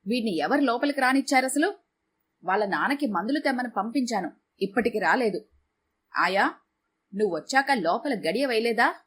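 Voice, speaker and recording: A woman's voice: fairly high pitch, animated, normal speed, long pauses, a bit bright, a little hiss or hum. A woman voicing a stern female hospital doctor who scolds the staff and barks orders in a storybook telling. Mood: scolding.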